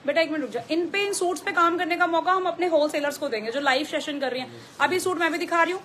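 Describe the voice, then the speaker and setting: Chatty high-voiced woman selling clothes live. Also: fast, a bit bright. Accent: Delhi Hindi with English mixed in. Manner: chatty, repeats prices, teasing asides. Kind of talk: live sales stream.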